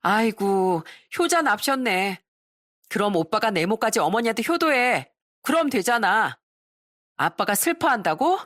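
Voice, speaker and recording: A woman's voice: medium pitch, very animated, a little slow, a bit bright, no room sound, clean studio sound, voice pushed up. A woman voicing a rebellious, grieving teenage girl who speaks in tearful, bitter outbursts in a storybook drama.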